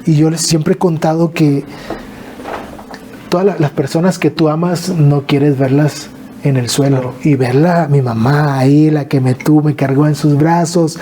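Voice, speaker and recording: Northern Mexican man, earnest halting storyteller, warm dark voice, faint noise behind. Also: fairly high pitch, fairly even intonation. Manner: earnest, halting, with repeated restarts. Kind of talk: emotional personal storytelling.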